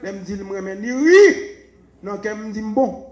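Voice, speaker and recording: A man preaching a sermon, swinging from low murmurs to shouts. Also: animated, normal speed, echoey room, dull audio.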